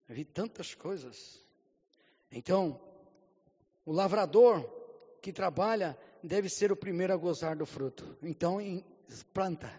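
Brazilian male pastor, high voice, testimony sermon in a long-echo hall, dull lo-fi recording. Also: slightly rough. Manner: vivid storytelling that builds to fervent, near-shouted preaching; keeps repeating a stock phrase to the congregation.

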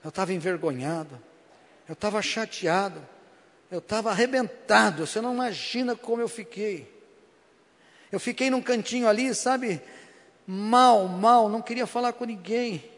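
A man's voice: sits high, normal speed. A man with a Brazilian Portuguese accent preaching a sermon to a congregation as pastor, emphatic and repetitive, often asking the crowd for an "amen". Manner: emphatic, repeats phrases, keeps asking the congregation "Amém?". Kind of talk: sermon with personal testimony. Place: church before a congregation. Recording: long reverb of a church hall.

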